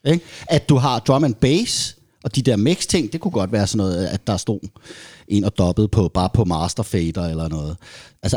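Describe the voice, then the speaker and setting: A man with a low, mellow voice, talking in a dry, close recording. He chats casually about playing in a band, stumbling and restarting his sentences often. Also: no room sound. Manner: hesitant, many restarts and fillers. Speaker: reggae band musician. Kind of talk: casual conversation.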